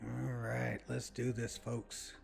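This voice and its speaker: A man's voice: mid-range voice, monotone, takes it slowly, creaky. A man casually commentating his game as he plays, rambling and talking to his viewers. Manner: rambling, chatty, talks to viewers. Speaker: gaming channel host. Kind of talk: casual let's-play commentary. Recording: faint background music.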